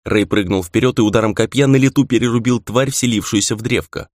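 A man reading a fantasy novel aloud in a lively narration style. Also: lowish voice, fast, no echo, studio quality. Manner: lively reading, raises voice for shouted lines. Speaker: audiobook narrator. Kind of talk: scripted narration.

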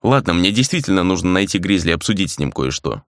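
A man's voice: low-pitched, big pitch swings, fast, no room sound, studio quality. A man voicing a young male exorcist who answers curtly and dryly.

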